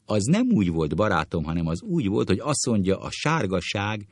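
A man's voice: on the low side, sing-song, breathy edge, no room sound, studio quality, voice pushed up. A man reading a comic story, voicing a bantering middle-aged male doctor reminiscing with an old schoolmate.

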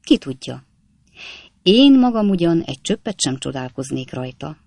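A narrator voicing a cheerful, witty young manservant in an audiobook, chatting in a folksy, gravelly tone. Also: medium pitch, sing-song, a little mellow, no echo. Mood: lively, folksy.

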